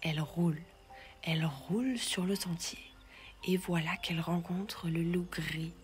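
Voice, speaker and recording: A woman tells a bedtime tale for children, her voice soft and often dropping to a gentle whisper. She takes her time, letting each phrase settle unhurriedly. Quiet music plays faintly underneath. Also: on the low side, measured pace. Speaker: storyteller. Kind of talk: children's bedtime story narration.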